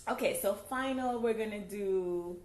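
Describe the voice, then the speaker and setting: A woman's voice: medium pitch, a little slow, a little mellow, roomy sound. A woman in her thirties hosting a podcast, chatty and prompting her guest, often repeating answers back. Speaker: podcast host. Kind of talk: casual interview.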